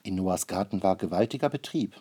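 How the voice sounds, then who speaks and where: A man narrating a children's storybook aloud in a calm, expressive way. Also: low voice, brisk, husky.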